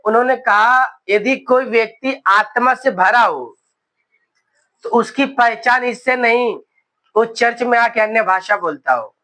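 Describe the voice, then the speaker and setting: A young male preacher in his twenties with a very high, bright and forceful voice. He delivers a sermon, calls out hallelujah again and again, and drags out key words for emphasis. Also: rough recording. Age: 20s. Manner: exclaims hallelujah often, slows for emphasis.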